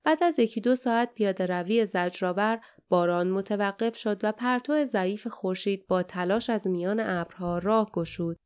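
A woman reading an audiobook as narrator, telling the story in a calm, even way. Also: mid-range voice, hardly any pauses, clear, resonant tone. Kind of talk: scripted narration.

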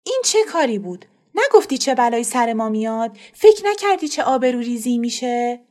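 A frantic older woman in a storybook, forever fretting and lamenting, as a woman reads her aloud. Her voice rides up high above the reader's own. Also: expressive, dark tone. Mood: scolding. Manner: fretful, lamenting. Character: frantic older woman, anxious about disgrace.

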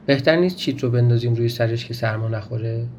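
A man's voice: mid-range voice, darkish tone, a little hiss or hum, close to an everyday voice. A man voicing a tender naive folk-tale fellow. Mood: pitying. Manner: pleading and tender. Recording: dull lo-fi recording.

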